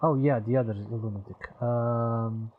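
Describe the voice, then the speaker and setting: A man's voice: mid-range voice, steady tone, a little slow, phone-quality sound. Swearing, laughing game streamer man. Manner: swears often, laughs readily. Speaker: streamer playing a video game. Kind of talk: casual let's-play chat.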